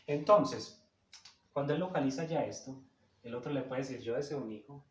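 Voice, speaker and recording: A man's voice: mid-range voice, normal speed, a little hiss or hum. Didactic man, roomy and distant. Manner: didactic, emphatic, checks in with "cierto?". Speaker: psychoanalysis lecturer. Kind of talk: explanatory talk on psychoanalysis. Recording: roomy echo, a bit far from the mic.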